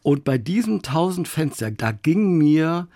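A male radio host in a studio, introducing and questioning a guest author with a measured, deliberate delivery. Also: on the high side, big pitch swings, warm tone, no echo. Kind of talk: radio interview. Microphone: studio microphone.

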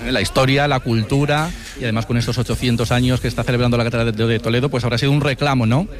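A man's voice: mid-range voice, steady tone, racing, crowd noise. A man reporting live for radio from an outdoor square, interviewing a visitor in a chatty way. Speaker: field reporter.

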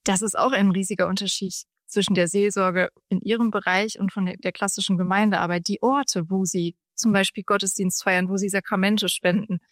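A woman hosting a radio interview, asking clear and curious questions. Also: mid-range voice, fairly even intonation, a little fast, hardly any pauses, no echo, studio quality.

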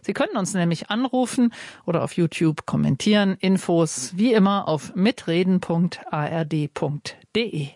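A woman radio presenter announcing upcoming programs in a clear, announcing delivery. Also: fairly low pitch, expressive, normal speed, a little mellow, no room sound, clean studio sound.

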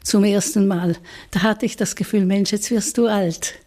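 A woman's voice: mid-range voice, fairly even intonation, moderate pace, mellow. A woman in her eighties with a Swiss accent, a psychologist speaking frankly in a recorded interview. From Switzerland. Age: 80s.

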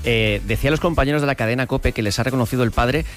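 A man hosting a late-evening radio sports show, presenting the day's news with brisk delivery. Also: mid-range voice, soft background music.

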